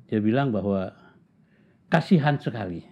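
A man in his seventies telling stories from his life in a slow, reflective way, pausing often and repeating words for emphasis. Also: on the low side, animated, creaky, a little mellow. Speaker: interviewee. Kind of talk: reflective storytelling in conversation. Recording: tinny phone-like sound.

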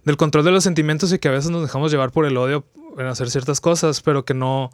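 A man's voice: a little high, steady tone, quick pace, dry recording. A young man with a Mexican accent, a podcast guest chatting casually and retelling a story in a rambling, slangy way with many restarts. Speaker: podcast guest, video creator. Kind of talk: casual chat, retelling an anime plot.

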